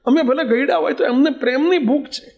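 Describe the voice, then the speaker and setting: A man's voice: very high voice, a little fast, a little mellow, voice pushed up. A man voicing a heartbroken elderly father in his sixties who pleads through tears in a sermon story. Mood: tearful pleading. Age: 60s. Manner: pleading, sobbing complaint.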